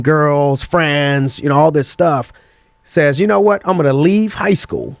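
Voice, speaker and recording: A man's voice: a little high, creaky, no room sound. A man hosting an interview podcast, upbeat and conversational, asking a young guest about his background. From United States. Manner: hyped, energetic opener, then conversational. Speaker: podcast host. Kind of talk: casual interview.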